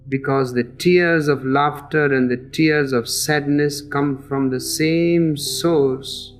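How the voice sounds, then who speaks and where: A man giving a spiritual discourse in a slow, measured and emphatic way. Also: on the high side. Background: faint guitar music.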